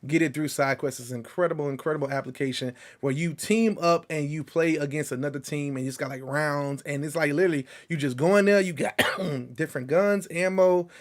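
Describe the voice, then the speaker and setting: A man co-hosting a casual VR show, talking in an excitable, animated way full of slang. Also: on the high side, fairly quick, few pauses. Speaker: podcast co-host.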